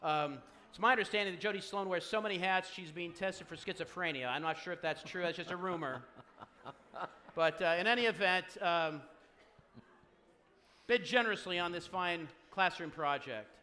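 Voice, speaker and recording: High, bright-voiced male event host. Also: normal speed. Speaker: master of ceremonies at a fundraiser auction. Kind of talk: live event announcing. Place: event hall, live before an audience.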